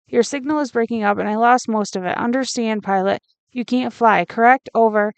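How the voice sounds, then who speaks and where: A woman reading the part of a calm male radio operator, speaking in formal, clipped radio phrases. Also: extremely high pitch, a little fast, creaky, smooth, no room sound.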